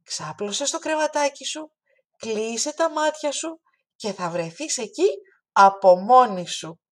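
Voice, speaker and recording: A woman's voice: fairly high pitch, animated, pitched above the performer's own voice. A woman voicing a friendly, helpful talking hand that reassures a child in a storybook reading. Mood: gentle.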